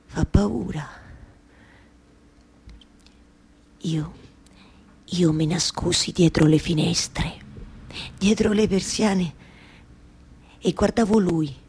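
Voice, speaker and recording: A woman playing Penelope, a weary, anxious wife yearning for her husband, in a theatrical radio monologue with halting, repeated phrases. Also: medium pitch, creaky, a little mellow, husky, exaggerated voice. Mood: hushed dread. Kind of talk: theatrical radio monologue over live music. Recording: live guitar music behind the voice. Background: plucked guitar music.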